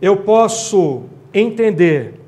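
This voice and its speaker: High-voiced male teacher. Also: animated, extremely slow, dark tone. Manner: explanatory, checks in with tag questions. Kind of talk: exam-prep grammar lecture.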